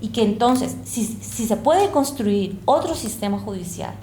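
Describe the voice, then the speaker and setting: A woman's voice: on the high side, lively intonation, measured pace, mellow, reverberant, a little hiss or hum. A woman from El Salvador and Colombia, a university lecturer, speaking earnestly and with passion as an interview guest. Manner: earnest, impassioned, reflective. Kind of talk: conversational interview.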